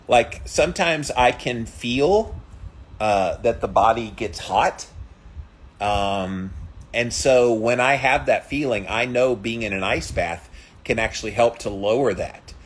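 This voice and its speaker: A man's voice: mid-range voice, animated, slow pace, husky, rough recording. A man chatting casually to his followers as a vlogger, drawing out key words for emphasis. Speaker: vlogger doing an ice bath challenge.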